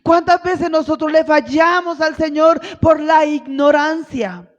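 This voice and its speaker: A woman missionary delivers a sermon in a high, unhurried voice, asking rhetorical questions and acting out quoted lines with rising force. Her voice carries a long reverb from the church hall. The recording sounds dull and lo-fi. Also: steady tone. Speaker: missionary preacher.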